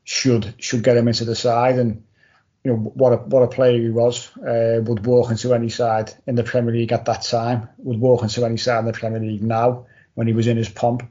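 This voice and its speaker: A man's voice: medium pitch, level tone, a little fast, warm tone. A man giving casual, emphatic football opinions as a panellist, repeating words for stress. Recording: dull lo-fi audio.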